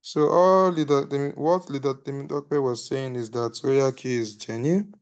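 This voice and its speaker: A man's voice: medium pitch, steady tone, normal speed, lo-fi sound. A man moderating an online group call who gives advice in a hesitant way, full of fillers and restarts. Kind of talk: casual group call, closing remarks.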